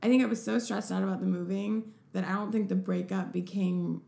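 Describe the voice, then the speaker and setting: Young woman, casual chat, upbeat, filler-heavy, gravelly fry, echoey room. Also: mid-range voice, steady tone, brisk, warm tone.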